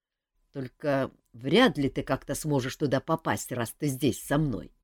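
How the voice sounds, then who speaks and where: A woman voicing a gruff adult male hero who grumbles and answers with curt sarcasm. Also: rumbling low, unhurried, no room sound, studio quality, exaggerated voice. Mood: grumbling.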